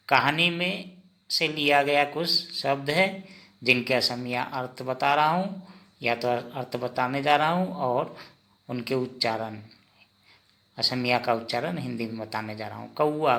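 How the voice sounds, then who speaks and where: A man teaching vocabulary in a slow lesson, asking the listener each word and then repeating the answer. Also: mid-range voice, gravelly, pushed and bright. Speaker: language teacher.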